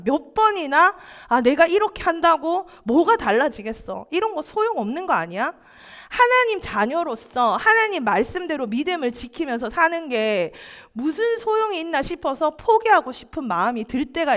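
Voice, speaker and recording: Casting: young female preacher, high voice, lively animated delivery, sermon. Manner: questions the listeners, acts out family quotes. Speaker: youth ministry preacher.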